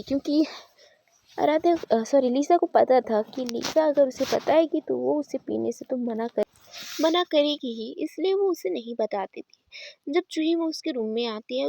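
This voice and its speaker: A woman's voice: high-pitched, warm tone, no echo. A woman narrating a story in a chatty, casual way, often correcting herself. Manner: chatty, with frequent self-corrections.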